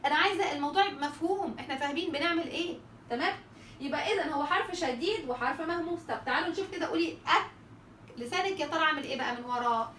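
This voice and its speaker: A woman's voice: sits high, racing, fairly bright tone, roomy sound, distant mic, a little hiss or hum. A woman with an Egyptian Arabic accent teaching how letters are pronounced in Quran recitation, asking questions and answering them herself. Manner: rhetorical questions answered herself, repeats sample sounds. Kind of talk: explaining tajweed letter articulation.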